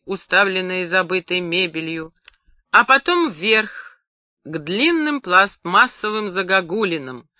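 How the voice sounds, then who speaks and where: A woman narrating an audiobook in a calm, measured reading style. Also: lowish voice, dry recording, clean studio sound. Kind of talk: scripted narration.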